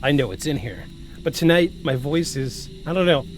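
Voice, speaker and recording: Here the podcast host, in his forties, sounds a little high and animated while keeping a normal speed. He switches between scripted narration and casual, self-mocking jokes, with a little hiss or hum in the recording.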